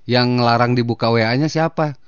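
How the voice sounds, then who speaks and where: A man's voice: mid-range voice, normal speed, clear, resonant tone, lo-fi sound. A man hosting a casual morning radio show, reading listener messages and teasing his co-host. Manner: reads listener messages aloud, playful teasing.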